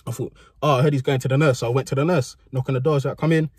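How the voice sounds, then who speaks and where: A man's voice: mid-range voice, fairly even intonation, rapid-fire, darkish tone, husky, no room sound, clean studio sound. A young man, telling a story in a casual, slangy way and acting out the people he quotes. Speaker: storyteller host.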